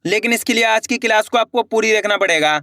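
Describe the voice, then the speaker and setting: A man with a high-pitched, sharp voice speaks fast in a slow, syllable-by-syllable Hindi reading lesson, sounding out each letter and blending it into the word. He treats his viewers as friends and asks whether it's clear, in a studio-quality recording with no room sound.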